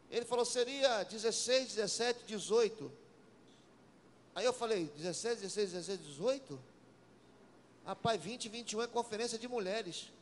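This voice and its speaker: A male pastor, preaching a sermon in a church, telling stories with acted dialogue and building to shouted exhortations. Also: extremely high pitch. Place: church sanctuary. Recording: long church reverb.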